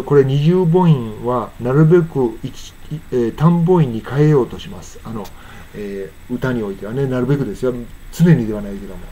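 Guy explaining english sounds in songs, sings bits of the lyrics, warm low-key voice. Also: a little hiss or hum. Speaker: English pronunciation teacher. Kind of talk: casual pronunciation lesson with sung examples.

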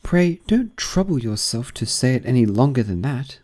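A man's voice: medium pitch, sing-song, normal speed, darkish tone, voice pushed up. A man doing Alice, a polite curious girl. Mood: musing, polite.

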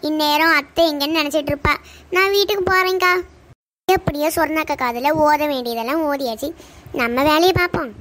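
A high, quick voice of a meddling cartoon neighbour, acted by a woman. She coaxes and stirs trouble slyly in Tirunelveli Tamil. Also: a bit bright. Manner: sly, stirring trouble, coaxing. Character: meddling gossipy neighbour mother-in-law Parvathi.

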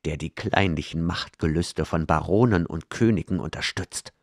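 A man's voice: low voice, normal speed, dry recording, clean studio sound. A man voicing a bitter, hateful male sorcerer slave in an audiobook, speaking with a growl. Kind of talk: audiobook character reading.

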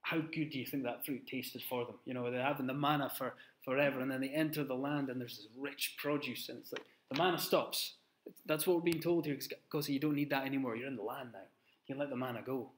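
A man in his thirties preaching an earnest, emphatic sermon into a webcam in a small plain room, with pauses and restarts. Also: mid-range voice.

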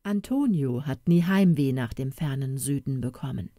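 A woman narrating a storybook audiobook in a soft, expressive, unhurried manner, recorded close to the mic. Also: extremely low pitch, no room sound.

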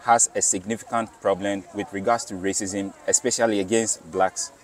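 A man in his thirties hosting his own channel, doing a lively outdoor street interview and reacting with short upbeat remarks. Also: lowish voice, moderate pace. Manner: upbeat, greets guests warmly, short reactions. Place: sunny city square outdoors.

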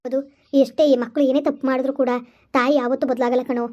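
A devoted young wife, voiced by a woman who coaxes and pleads with her husband. She talks quickly in a gentle, lower voice that keeps coming back to soft pleas. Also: little pitch movement, muffled recording, natural voice. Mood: coaxing. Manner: coaxing and pleading.

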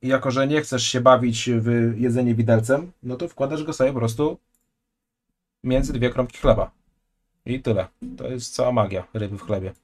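A man's voice: medium pitch, normal speed, darkish tone. Joking young man on a live stream. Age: 20s. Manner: joking, chatty, loose slangy asides. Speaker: streamer reacting to a video. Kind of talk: casual live-stream commentary. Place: small room at home. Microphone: headset.

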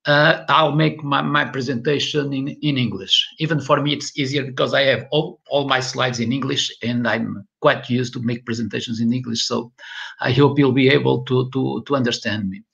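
A man's voice: medium pitch, steady tone, normal speed, creaky, fairly bright tone. An older man from northern Portugal with a Portuguese accent gives an online lecture in English, hesitating and repeating words often. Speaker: professor. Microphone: webcam video call. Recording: lo-fi video call audio.

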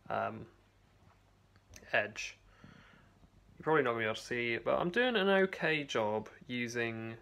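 A man's voice: medium pitch, gravelly, fairly bright tone. A young man chatting casually to a phone camera in his home basement, rambling with many restarts and fillers. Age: young adult. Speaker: vlogger. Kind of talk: casual video diary. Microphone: phone camera held close.

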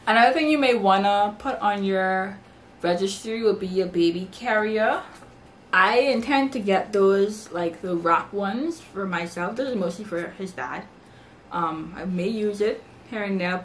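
A young woman from the Bahamas speaks at medium pitch, with a little hiss or hum on the audio. Indoors in her bedroom, she runs through her baby shower gifts in a casual haul vlog, talkative, energetic, and gesturing as she goes.

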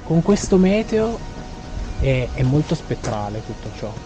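A man's voice: mid-range voice, very animated, measured pace. A man, talking casually as a vlogger outdoors on a hike. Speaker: hiking vlogger. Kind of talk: casual vlog chat. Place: outdoors on mountain trail. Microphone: action camera at arm's length. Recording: music behind outdoor talk.

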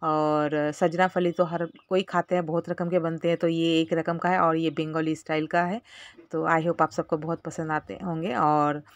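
A woman's voice: deep voice, little pitch movement, normal speed, no echo. Woman, cooking vlogger, step-by-step chatty narration, dry voice-over. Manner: chatty, explains step by step with fillers. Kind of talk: casual cooking tutorial narration.

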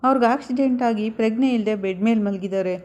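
A woman's voice: on the high side, fast, a little mellow, lightly acted. A woman voicing a worried, saddened young woman. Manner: sad, worried.

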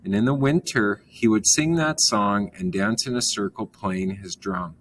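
A man reads a children's story aloud, calm and unhurried, stopping now and then to explain a word. His voice sits low for a man. A faint hum of noise runs underneath.

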